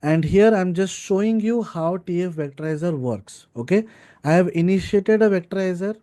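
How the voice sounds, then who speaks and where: A male data science instructor talks through an informal live coding class step by step, with short check-ins like "okay" and "right." His voice sits high with a dark tone, at a normal speed.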